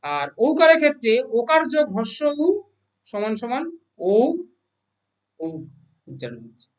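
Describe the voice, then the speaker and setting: A teacher leads an exam-prep grammar lesson at an unhurried, patient pace. Questions are posed and then answered, and every definition is repeated slowly. The voice sits at an ordinary middle pitch and is picked up from a little distance, so it sounds slightly removed. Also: sing-song. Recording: voice a little far from the mic.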